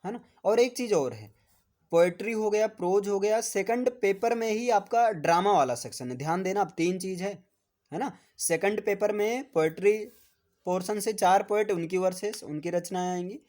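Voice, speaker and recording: A man's voice: sits high, normal speed, darkish tone. Hindi-accented male teacher checking understanding. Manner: repeats "है ना?" to check students, spells words out. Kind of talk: classroom lecture.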